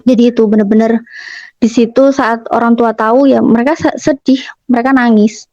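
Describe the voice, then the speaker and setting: A young woman with a fairly high voice tells a personal story, chatty and full of fillers as she retells family conversations. The recording is dry, with no room sound, and a little muffled. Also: fairly even intonation, brisk, mellow, no echo.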